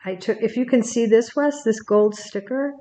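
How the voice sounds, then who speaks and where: An older woman, a grandmother, reading a picture book aloud on camera and gently talking to her grandchild between pages. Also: on the high side, moderate pace, echoey room. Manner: gentle, talks to the child by name between pages. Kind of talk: recorded bedtime story reading.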